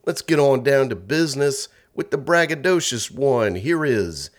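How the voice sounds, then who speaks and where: A man's voice: medium pitch, lively intonation, unhurried. A man hosting and announcing a scripted comedy show in a radio style.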